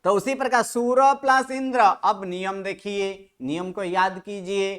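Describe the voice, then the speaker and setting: Smooth-voiced teacher quizzing a class. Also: mid-range voice, fairly even intonation, fairly bright tone. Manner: quizzing students with constant questions; repeats answers back slowly. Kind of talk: classroom Sanskrit grammar lecture.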